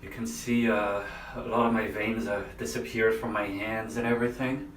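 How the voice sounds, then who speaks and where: A man speaking haltingly in short phrases, giving a casual, unscripted instructional vlog from a bathroom. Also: lowish voice, flat delivery, a bit bright. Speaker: vlogger demonstrating an ice bath. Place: indoors in a bathroom by or in a bathtub. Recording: echoey bathroom, distant mic, faint noise.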